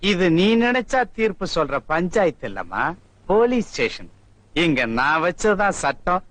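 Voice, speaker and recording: An arrogant police inspector swaggers and throws threats around. His voice is high and sharply bright. The sound is dry. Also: dry recording, exaggerated voice, low-quality recording. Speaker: police officer. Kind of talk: film comedy acting.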